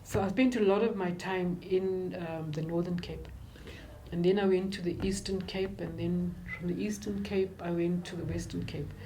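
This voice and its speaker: Older woman, South African accent, mellow and slightly low voice, reflective halting interviewee, faint background noise. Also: steady tone, rough recording. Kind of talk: recounting life and work in an interview.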